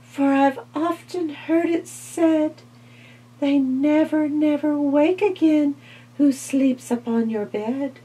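A woman voicing a tiny, timid female fly in a read-aloud storybook, pleading in a high, crying, drawn-out voice. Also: fairly even intonation, mellow, rough recording. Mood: alarmed.

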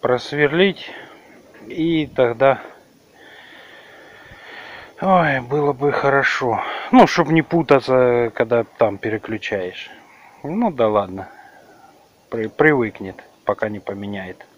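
A man with a Ukrainian accent talks through a car repair outdoors, filming his own hands on a handheld camera. His pace is slow, and his talk is plain and rambling, with mid-range pitch. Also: muffled recording. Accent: Ukrainian-accented Russian. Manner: unhurried, rambling, plain-spoken. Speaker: car repair video host. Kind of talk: casual how-to vlog.

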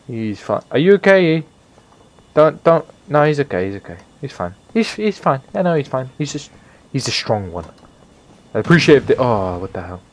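A man giving casual, excitable gameplay commentary, swearing often and shouting at the characters on screen. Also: medium pitch, moderate pace. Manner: excitable, swears a lot, talks to the game characters. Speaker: gaming commentator.

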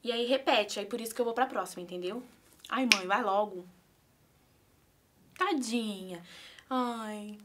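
A woman's voice: a little high, a little slow, long pauses, fairly bright tone, slight background noise. A young woman with a Brazilian accent chatting nervously and giggling through a prank video. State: anxious. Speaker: YouTuber pranking her mother. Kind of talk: casual prank vlog chat.

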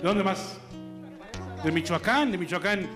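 On stage before a live audience, a man with a Mexican accent does stand-up, chatting and joking with the crowd. His voice sits high and he speaks a little slowly, while loud crowd noise and music fill the recording.

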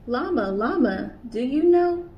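Reading a picture book to children in a small room indoors, this young adult American librarian uses a playful sing-song style. Her voice is high and animated at a measured pace, captured in a slightly distant, dull recording with faint hiss.

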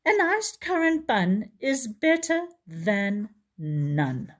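A woman's voice: medium pitch, sing-song, drawn-out words, heavily acted. A woman voicing a polite, patient male bear who pleads and sighs in a storybook reading. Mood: resigned. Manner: plaintive, pleading, sighing.

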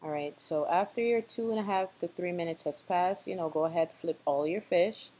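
Low-pitched female cooking host, patient step-by-step recipe voice-over. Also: normal speed, a little mellow, a little hiss or hum. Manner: instructive, repeats tips with a checking "okay?".

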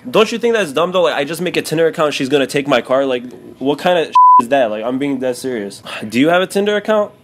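A man's voice: fairly high pitch, expressive, fast talker, few pauses. A man in his twenties making a casual prank phone call in an earnest, hesitant, oversharing way full of fillers. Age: 20s. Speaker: prank caller. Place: small bare-walled room indoors. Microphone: camera a few feet away. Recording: noisy room recording.

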